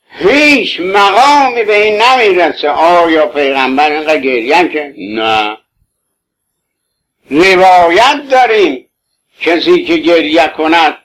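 Older guy, kinda high voice, fervent and pleading, telling an emotional religious story in everyday talk. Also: a bit bright, low-quality recording. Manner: fervent, pleading, lapses into colloquial speech. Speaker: bereaved husband recounting his late wife.

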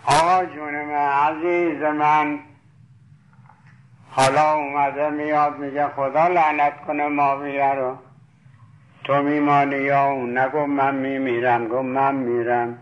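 A man's voice: medium pitch, little pitch movement, muffled recording. A man preaching a sermon, retelling stories with quoted dialogue and fondly addressing his listeners. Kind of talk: sermon storytelling.

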